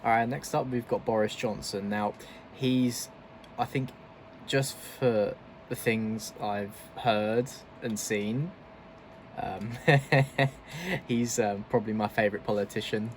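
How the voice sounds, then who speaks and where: A man's voice: on the low side, slow, slight background noise. A man hosting a casual reaction video, chatty and loose, laughing often between asides. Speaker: video host.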